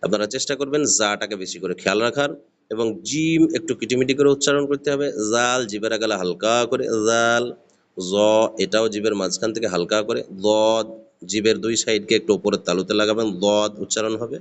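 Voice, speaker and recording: A man's voice: on the low side, quick pace. A man with a Bangladeshi Bengali accent, giving a patient recorded lesson on reading Arabic letters and sounding them out one by one. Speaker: Arabic alphabet teacher.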